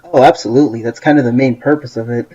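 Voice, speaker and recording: A man's voice: medium pitch, fairly even intonation, quick pace, dark tone. A man playing a tabletop game who talks about the rules in a matter-of-fact way during casual chat. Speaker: player. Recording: muffled lo-fi audio with crowd noise.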